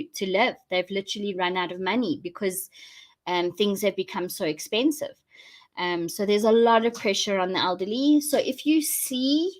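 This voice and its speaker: A South African woman hosting a casual live chat for her viewers, rambling and thinking aloud as she goes. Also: mid-range voice. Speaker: host of a live online show.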